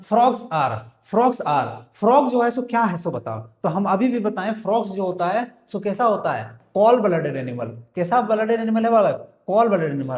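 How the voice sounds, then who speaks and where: A man's voice: sits high, darkish tone. A male biology teacher, working through exam questions in a quizzing way, repeating each question and answering it himself. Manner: quizzing, repeats his own questions and answers them, calls students "बालक". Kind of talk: exam-prep lecture, solving multiple-choice questions aloud. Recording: echoey room.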